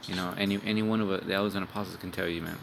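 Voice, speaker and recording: A young man, identified as a street preacher, delivers an informal, rambling religious video sermon in a low, steady voice, racing along with vocal fry. He curses bluntly and profanely, tacking "man" and "all right" onto his lines. Music plays behind him amid a noisy background.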